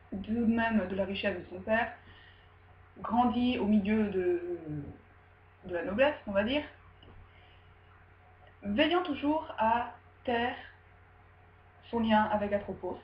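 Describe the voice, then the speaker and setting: A woman's voice: fairly high pitch, takes it slowly, pauses often. Woman storyteller, informal and slangy, roomy dull recording, faint background hum. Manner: informal and slangy, laughs often. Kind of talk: casual oral storytelling.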